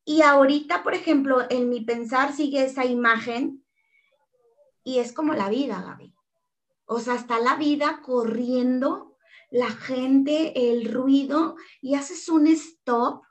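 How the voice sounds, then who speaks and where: Mexican woman telling her story in an interview, earnest, acts out the dialogue, voice a bit high. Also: slow pace. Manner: earnest, emotional retelling that acts out quoted dialogue. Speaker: interview guest.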